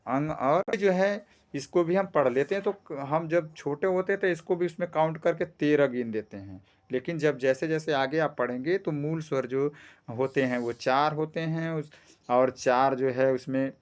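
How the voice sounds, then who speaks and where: A man teaching a grammar lesson, explaining step by step, often checking in with "theek hai" and stretching vowels to demonstrate sounds. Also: fairly high pitch. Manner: explains slowly with frequent "ठीक है" checks.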